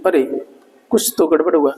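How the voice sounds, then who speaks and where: Male teacher, vocabulary class, drills words slowly, keeps checking students follow, long hall reverb. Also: fairly high pitch, fairly even intonation, darkish tone. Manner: keeps asking "ठीक है ना?" between explanations. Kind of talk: vocabulary lesson for job-exam students.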